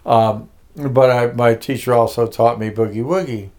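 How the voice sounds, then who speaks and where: A man's voice: medium pitch, steady tone, moderate pace, a little mellow. An older man from Connecticut, a music producer being interviewed, telling his life story casually with many fillers and restarts.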